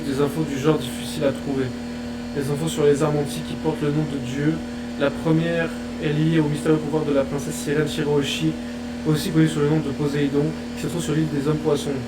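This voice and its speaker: A man's voice: a little high, roomy sound, recorded from a distance, heavy background noise, close to an everyday voice. A man reading Caribou, an eager pirate fanboy. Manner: eager and pleading.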